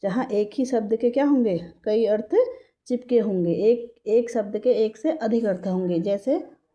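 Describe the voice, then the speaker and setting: A woman's voice: medium pitch, mellow. A woman teaching a lesson, asking her class questions and answering them herself. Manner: reads verse lines slowly and deliberately. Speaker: Hindi teacher. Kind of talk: classroom lesson explaining grammar.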